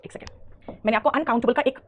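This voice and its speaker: A woman with an Indian accent teaching an English grammar class, addressing her students affectionately and correcting them as she goes. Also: a little high. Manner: fast, scolding-affectionate, calls students "beta".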